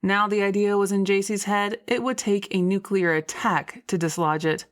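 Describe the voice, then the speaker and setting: A woman's voice: medium pitch, fairly even intonation, normal speed. A woman reading scripted first-person story narration as an audiobook narrator.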